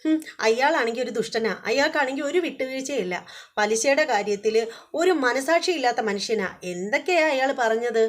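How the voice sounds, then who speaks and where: A woman's voice: sits high, animated, a little fast, voice pushed up. A woman voicing a scheming, status-proud middle-aged mother who talks in a coaxing, scornful way.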